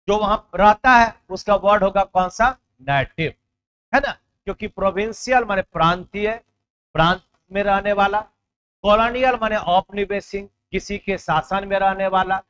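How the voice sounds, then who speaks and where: A man teaching English vocabulary for exam prep. He explains in Hindi, reads English words out slowly and keeps checking in with his students. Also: sits high, a bit bright, smooth, muffled recording.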